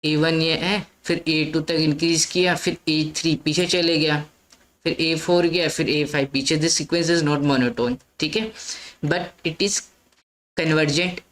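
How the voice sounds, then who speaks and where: A woman's voice: low-pitched, fairly even intonation, slow, poor audio. A woman teaching a maths lesson, explaining step by step and often checking in with her listeners. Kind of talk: lecture mixing Hindi and English.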